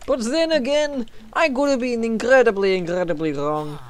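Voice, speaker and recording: Brief: a gamer playing a hammy Russian worker with a thick accent, slightly higher than usual. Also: normal speed, clean tone, lightly acted.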